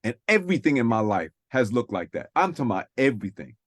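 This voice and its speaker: A radio show host from New York City (also described as New City) presents a faith talk in an earnest, preacherly style, repeating phrases for emphasis. His medium-pitched voice is sing-song and fast, and the recording is dry.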